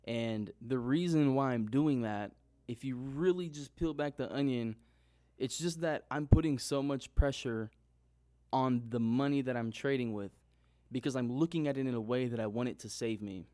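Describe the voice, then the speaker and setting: A man's voice: mid-range voice, moderate pace, dark tone, no room sound, clean studio sound. A young man talking unscripted into his own microphone, rambling and questioning himself, often restarting his sentences. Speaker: trading vlogger. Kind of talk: unscripted casual monologue.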